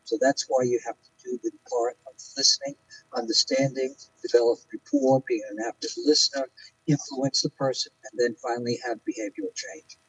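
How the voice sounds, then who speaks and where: An older man calmly explaining as an expert guest in a broadcast interview, pausing hesitantly as he goes. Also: mid-range voice. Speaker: interview guest, former police hostage negotiator. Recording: clearly noisy with a hum.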